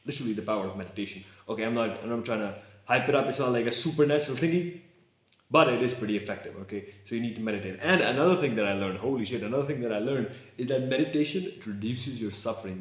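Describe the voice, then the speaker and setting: Fast-talking young man, echoey room. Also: medium pitch. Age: young adult. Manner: excitable, slangy, swears. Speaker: vlogger. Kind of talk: casual talk to camera.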